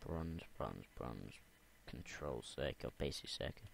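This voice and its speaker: A man's voice: extremely low pitch, expressive, slow, gravelly, a little hiss or hum. A young man rambling and talking to himself as he plays a game, repeating words under his breath. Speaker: gamer. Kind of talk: game commentary.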